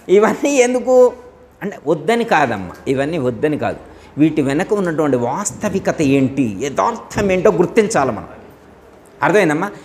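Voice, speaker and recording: A man giving a spiritual discourse, asking his listeners question after question and acting out the dialogue of the story. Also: high-pitched. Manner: asks listeners rhetorical questions, acts out dialogue. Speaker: spiritual teacher. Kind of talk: Telugu religious discourse.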